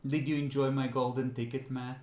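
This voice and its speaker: A man's voice: mid-range voice, level tone, fairly quick, a little mellow, reverberant. A man running a tabletop role-playing game as game master, narrating conversationally in a teasing, dramatic way.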